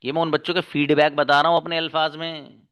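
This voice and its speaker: A man's fast, clear voice, a little high and level, with a sharp, resonant tone, carries an earnest, coaxing motivational talk to his online English students. He addresses them as brother and daughter over an online class mic.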